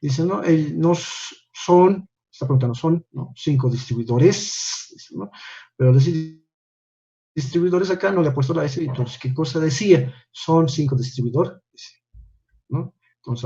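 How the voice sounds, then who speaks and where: A man's voice: on the high side, normal speed, mellow. Patient man teaching, dull lo-fi sound. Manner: patient, repeats "¿no?" after each point. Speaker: English teacher. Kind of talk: online class correcting homework.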